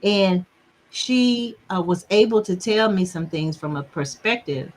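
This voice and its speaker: A middle-aged woman counselor chatting casually and telling lively stories, often laughing and mimicking the people she quotes. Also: mid-range voice, unhurried, a little hiss or hum. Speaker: relationship counselor guest. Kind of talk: casual conversation.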